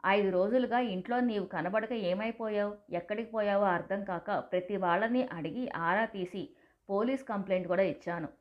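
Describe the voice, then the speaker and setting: A grown son boils over with rage, his speech loud, harsh and full of scorn, as a woman storyteller puts him on. The sound is a touch dull and lo-fi. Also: medium pitch, normal speed, close to an everyday voice. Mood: furious, scornful. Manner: shouting, accusing.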